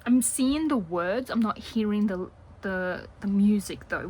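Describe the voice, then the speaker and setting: A woman's voice: medium pitch, a little hiss or hum, low-quality recording. Chatty, rambling woman tarot reader. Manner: chatty and rambling, talks a lot; drifts into soft whispers at times. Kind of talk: casual general tarot reading to viewers.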